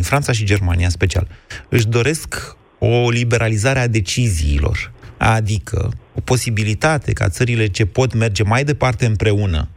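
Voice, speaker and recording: Radio host questioning callers. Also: male voice, fairly low pitch, vocal fry, no echo. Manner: pushes back on callers with pointed questions. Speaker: radio talk show host. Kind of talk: call-in radio talk.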